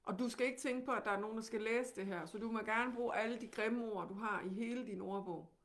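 A woman with a Danish accent teaching, who guides calmly and gently with many questions. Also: fairly high pitch.

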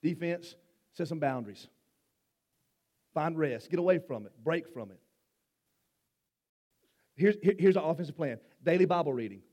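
A man's voice: fairly high pitch, lively intonation, normal speed, long pauses, warm tone. A middle-aged male pastor preaching a sermon in a folksy, joking way, often repeating his words. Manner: folksy, repeats himself, jokes with the congregation.

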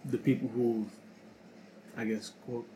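A man's voice: medium pitch, flat delivery, slow, warm tone. A man in casual podcast chat, thinking aloud with frequent fillers and hesitations. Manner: reflective, hesitant with many fillers. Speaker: podcast co-host. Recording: noisy room recording.

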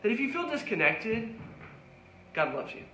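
A man's voice: sits high, big pitch swings, moderate pace, bright, forceful tone, slight background noise. A man preaching a sermon, earnest and pleading, with repeated calls to his listeners. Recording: echoey room with faint ambience.

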